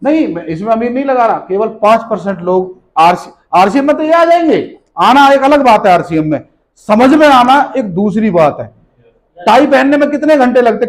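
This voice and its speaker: Poor audio carries an extremely high-pitched male voice. It belongs to a motivational business speaker addressing a live audience in a seminar hall, who throws out rhetorical questions and emphatically, scoldingly repeats his key phrases.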